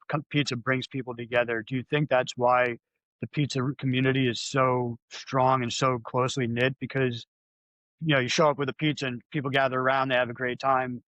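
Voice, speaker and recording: A man's voice: medium pitch, a bit bright, no echo, highs cut off. A man with a mid-range voice hosts a casual podcast interview. He is easygoing and asks long, winding questions. The sound is dry and close-miked. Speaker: podcast host.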